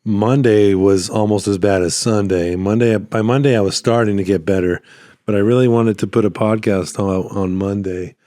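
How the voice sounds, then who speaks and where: A man with a deep, low, dark voice hosts a podcast alone and talks casually; he's a podcast host who also runs a small business. Recently ill, he sounds somewhat hoarse and his voice falters and cuts in and out at times. His intonation stays fairly even as he rambles haltingly and repeats phrases, and the recording is dry with very little room echo.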